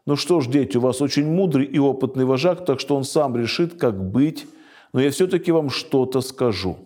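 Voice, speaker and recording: A man's voice: medium pitch, animated, moderate pace, a little mellow, pitched above the performer's own voice, close to an everyday voice. A man reading aloud as a beautiful lady with a tender, sing-song voice. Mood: sweet.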